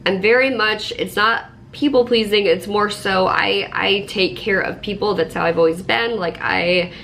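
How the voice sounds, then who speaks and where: A woman vlogging casually to camera with a sick, slowed-down voice, chatty and full of filler words. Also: mid-range voice, fairly bright tone, slight background noise. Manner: chatty, lots of "like" fillers, self-described structured. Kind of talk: casual vlog talk to camera.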